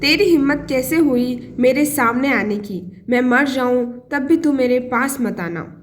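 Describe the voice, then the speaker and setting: A woman voicing an angry, stubborn elderly mother-in-law who scolds in sharp retorts. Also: high-pitched, expressive, measured pace, a little hiss or hum.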